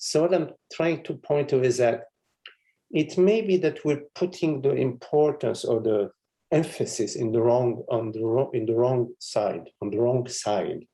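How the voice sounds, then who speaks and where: A man's voice: medium pitch, unhurried, dark tone. A man, a spiritual teacher, giving a meditative live satsang talk in a meandering, conversational way with frequent chuckles and asides.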